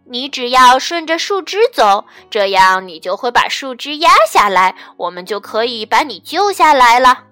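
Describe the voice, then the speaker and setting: A woman voicing a bright, teasing elephant girl. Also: on the high side, very animated, normal speed, hardly any pauses, soft background music. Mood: playful. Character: cheerful playful female patchwork elephant. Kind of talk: storybook reading.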